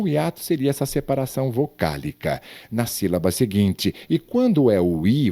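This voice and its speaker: A man's voice: fairly low pitch, warm tone. Emphatic man teaching grammar. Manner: emphatic, drawn-out words, asks the viewer questions. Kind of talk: online grammar lesson.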